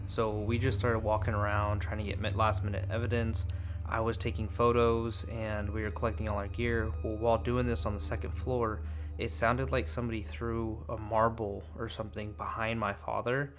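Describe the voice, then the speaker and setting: A man's voice: lowish voice, level tone, normal speed. A young man narrating paranormal investigation clips in a casual voice-over, hedging and searching for words with many fillers. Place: voice-over, not recorded on site. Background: faint background music.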